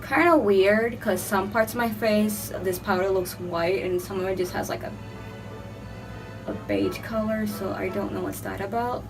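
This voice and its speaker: A young beauty vlogger talks through a casual makeup tutorial in a chatty, rambling way, with frequent "like"s, while a little under the weather from a cold. She's in an indoor room under hot filming lights with background music. Her pitch is medium, her pace moderate, and the recording rough.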